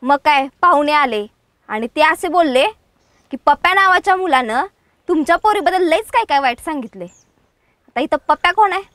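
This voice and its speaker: An actress playing Radha, a sharp young village woman who scolds and calls out lies firmly. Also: high-pitched, animated, no echo. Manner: firm, scolding, quick to call out lies.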